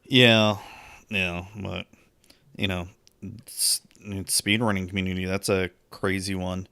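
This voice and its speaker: A man's voice: deep voice, flat delivery, slow, gravelly, bright, forceful tone, clean tone, no echo. A man co-hosting a casual gaming podcast, laid-back and profane, and losing his voice. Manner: laid-back, short agreeing replies, casual swearing. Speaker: podcast co-host.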